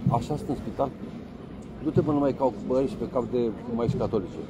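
A man joking and teasing while filming outdoors on a phone, loud church bells ringing behind him. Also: mid-range voice, very noisy. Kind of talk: casual chat while filming. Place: outdoors on a city street. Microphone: handheld phone.

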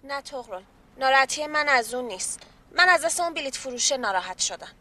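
An actress playing a polite, reserved young fiancée who complains about what people think in a sitcom. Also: female voice, high voice, animated, pushed and bright. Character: young engaged woman, polite but fussy. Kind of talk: sitcom acting.

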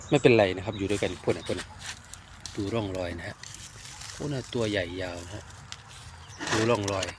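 A man's voice: on the low side, unhurried, pauses often, noisy background. A man casually walking through his garden, explaining plant care step by step and often repeating his words. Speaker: garden owner and plant grower. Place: outdoor rural garden.

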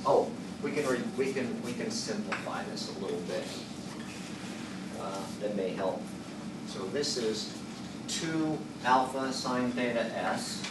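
A man in his sixties giving a chalkboard lecture, working through equations and thinking out loud, hesitating and correcting himself. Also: mid-range voice, unhurried. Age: 60s. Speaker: engineering lecturer. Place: classroom at a chalkboard. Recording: roomy classroom, distant mic, background noise.

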